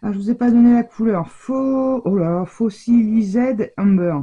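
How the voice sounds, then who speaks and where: Chatty woman, low husky dark voice. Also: measured pace, muffled recording. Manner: chatty, hesitant, many fillers and restarts; stumbles over English product names. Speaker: scrapbooking crafter demonstrating. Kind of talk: casual craft tutorial.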